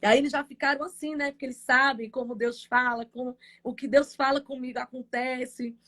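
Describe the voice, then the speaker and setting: A woman pastor with a Brazilian Portuguese accent gives a fervent faith testimony on a live stream. Her voice sits high, and she moves between loud cries and soft passages. She is heard through a phone or video-call microphone. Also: steady tone, a little fast.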